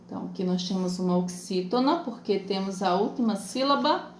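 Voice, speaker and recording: A Brazilian woman teacher giving a lesson to children, talking slowly and patiently, spelling out letters and syllables. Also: mid-range voice. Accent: Brazilian Portuguese. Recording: echoey room with faint noise.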